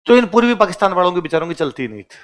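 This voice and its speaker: A man lecturing a class in a slightly high-pitched voice. He tells history in easy everyday words, stopping often to ask the class a question and then answering it himself. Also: big pitch swings, racing. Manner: casual, colloquial storytelling. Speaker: history teacher.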